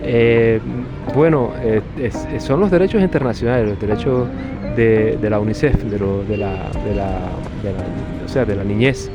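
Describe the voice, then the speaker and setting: A man's voice: fairly low pitch, moderate pace, loud music behind the voice. Hesitant Cuban man, street interview. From Cuba. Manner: hesitant, many fillers and restarts. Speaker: interviewee, doctor.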